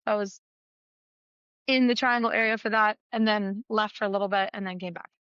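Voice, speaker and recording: A young Argentine woman, a guest musician, tells her story playfully and chattily in a casual interview over a video call. Her medium-pitched voice is fairly quick, fairly bright, clear and resonant, with fairly even intonation, no room sound, and dull audio.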